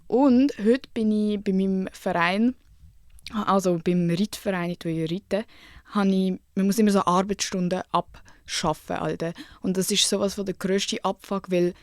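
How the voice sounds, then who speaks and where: A young woman with a Swiss German accent tells a story on her podcast in loose, slangy, animated chat, swearing freely. Her voice sits at a middle pitch for a woman. The recording is dry, close and free of room sound. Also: no echo. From Switzerland. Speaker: podcast host.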